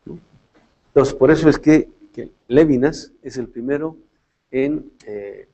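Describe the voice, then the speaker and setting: A man's voice: medium pitch, unhurried, warm tone, rough recording. A man giving a philosophy lecture in a reflective way, often tagging his points with questions and restarting his phrases. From Latin America.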